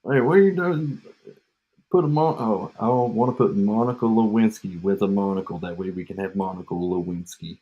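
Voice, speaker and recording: Speaking at a moderate pace in a lowish, slightly rough voice, this co-host jokes and wanders through casual podcast talk, trailing off mid-thought. The audio is narrow and tinny, with echo from his home mic.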